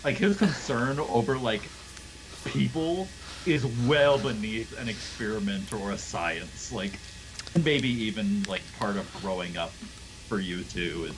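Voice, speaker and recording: A man's voice: lowish voice, a little slow, background noise. A young man narrating as game master, rambling and full of fillers.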